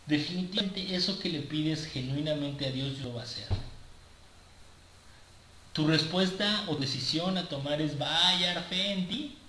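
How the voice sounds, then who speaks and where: A man preaching a sermon with a personal testimony, talking haltingly with many repeated words and restarts. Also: a little high, fairly bright tone, a little hiss or hum. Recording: echoey room with faint ambience.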